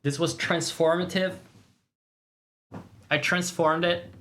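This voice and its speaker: Livestream host, casual chat. Mid-range pitch, sarcastic, mock-boastful, foul-mouthed. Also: steady tone, takes it slowly, a bit bright, slight background noise. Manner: profane. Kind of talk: casual chat to stream viewers.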